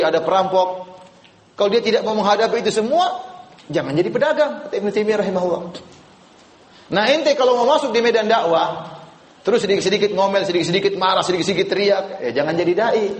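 A man preaching a religious lecture to a live audience, casual and joking, quizzing the listeners. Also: high-pitched. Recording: echoey room.

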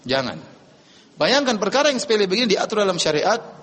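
Male preacher talking fast and animated, a bit husky and high-ish, lots of "why?" questions, long echo like a big hall. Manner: animated, rhetorical questions, recites Arabic quotations. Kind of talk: religious lecture.

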